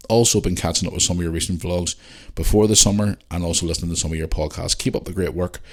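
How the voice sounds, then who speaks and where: A Northern Irish man hosts a podcast, chatting casually and informally while reading out and answering listener messages. His voice sits low and steady, and he talks at a quick pace.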